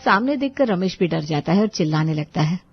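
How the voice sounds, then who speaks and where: A woman's voice: lowish voice, fairly quick, slightly rough. Woman narrating a spooky storybook. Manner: steady storytelling. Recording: dull lo-fi audio with music.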